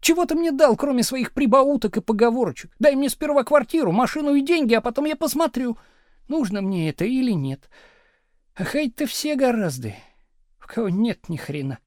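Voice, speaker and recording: A man's voice: very high voice, expressive, normal speed, no room sound, clean studio sound, voice pushed up. A man reading an audiobook, voicing a bitter, scornful young wife who scolds sharply. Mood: scornful, shrill. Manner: sharp, scolding, shouting at times.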